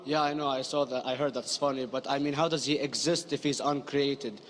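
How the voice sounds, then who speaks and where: A man's voice: mid-range voice, fairly even intonation, fairly quick, a little hiss or hum. Hesitant young man from Iraq. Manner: hesitant, many fillers and restarts. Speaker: audience member asking a question. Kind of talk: questions from the floor.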